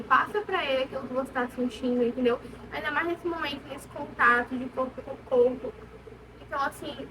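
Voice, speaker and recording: A young Brazilian vlogger with a high voice tells a personal story to camera in a casual, candid way, repeating herself for emphasis. The mic sounds far away, and room noise is clearly audible.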